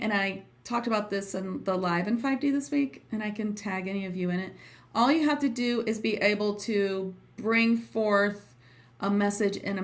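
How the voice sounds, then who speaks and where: Woman, livestream host and teacher, casual chat, giggly, effusive, informal phrasing, mid-range voice. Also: medium pitch. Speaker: host and trance channeling teacher.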